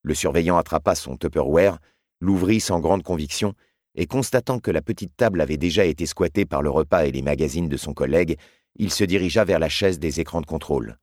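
A man reading a story aloud in a measured, grave way. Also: very deep voice, a little mellow, no room sound, studio quality. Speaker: narrator. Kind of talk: scripted audiobook narration.

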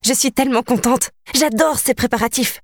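Giddy teen princess, a woman doing her up high, bubbly and eager, dry close storybook read. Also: fairly quick, no room sound. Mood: excited. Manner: bright, eager, high-spirited. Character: excitable sixteen-year-old princess, playful and joyful.

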